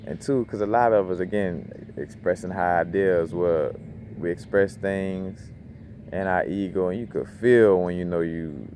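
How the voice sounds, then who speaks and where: Deep-voiced man, loose slangy spiritual talk. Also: a little slow, dark tone. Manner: loose, rambling, slangy, lots of "you know what I'm saying". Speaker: crystal channel host. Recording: noisy background hum.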